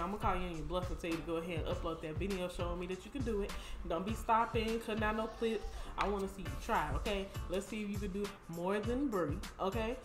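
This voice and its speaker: An American woman hosting a casual challenge vlog, chatting to viewers in informal, slangy speech. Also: medium pitch. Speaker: host of a video channel. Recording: echoey room with music behind.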